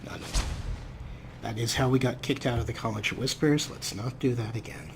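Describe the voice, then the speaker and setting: A man with a medium-pitched voice hosts a let's play, offering casual, wry commentary on the game as if half talking to himself. He's unhurried and muses aloud, with slight background noise in the clip.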